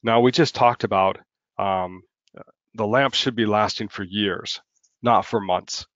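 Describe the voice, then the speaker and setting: A marketing head presenting a business webinar, talking quickly with many ums and uhs. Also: male voice, a bit bright, dry recording, lo-fi sound. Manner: fast, filler-heavy business pitch.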